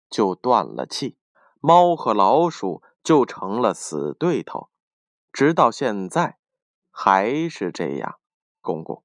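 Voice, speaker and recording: Male storyteller, slow and very animated, dry close recording. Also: medium pitch, dry recording. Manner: expressive, lively reading. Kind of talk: storybook narration.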